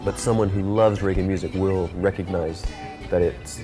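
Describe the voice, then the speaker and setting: A man's voice: low-pitched, fairly even intonation, normal speed. A man in his thirties, a reggae musician telling his story in an interview in a laid-back way, often adding "you know". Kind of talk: reflective interview monologue. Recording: clear music playing behind the voice.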